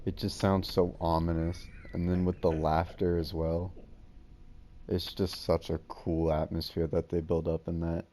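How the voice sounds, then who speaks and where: A man's voice: sits low, flat delivery, measured pace, dark tone. A man giving casual let's play commentary as a gaming host, with slangy, jokey asides.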